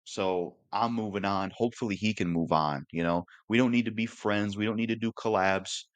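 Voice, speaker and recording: Earnest low-voiced young man. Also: moderate pace, no echo. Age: 20s. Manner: earnest, repetitive, occasionally cursing. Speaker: YouTuber. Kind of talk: casual monologue to camera.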